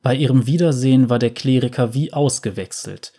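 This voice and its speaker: A man narrating a fantasy story in a calm, measured way. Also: medium pitch, husky.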